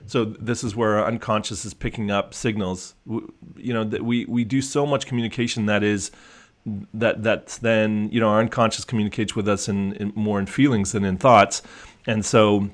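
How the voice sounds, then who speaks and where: A man with a fairly low, steady voice speaks at a moderate pace. He's a coach and a native English speaker, chatting casually and reflectively, with plenty of restarts and fillers.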